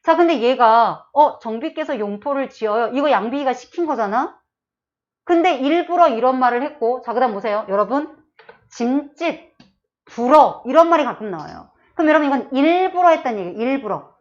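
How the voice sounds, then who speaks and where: High-voiced woman teacher, lo-fi sound. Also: lively intonation, moderate pace. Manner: explains step by step, with frequent checking questions. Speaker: Korean literature teacher. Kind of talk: online exam-prep lecture.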